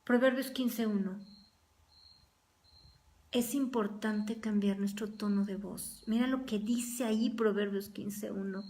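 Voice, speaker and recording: A woman's voice: medium pitch, fairly even intonation, slow pace, darkish tone. Earnest woman teaching a Bible study. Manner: earnest, acts out everyday quarrels in quoted voices.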